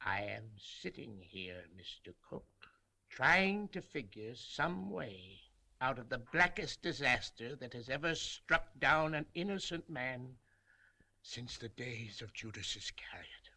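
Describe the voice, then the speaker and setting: An actor playing an irascible, melodramatic newspaper editor, hurling florid, blustering insults in 1930s screwball comedy film banter. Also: male voice, very high-pitched, animated, unhurried, bright, forceful tone, exaggerated voice. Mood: seething menace.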